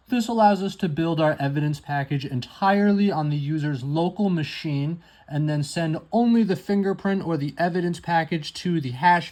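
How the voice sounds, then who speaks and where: A man presenting a software demo, explaining it step by step in a matter-of-fact way. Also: fairly high pitch. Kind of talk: narrated software demo walkthrough.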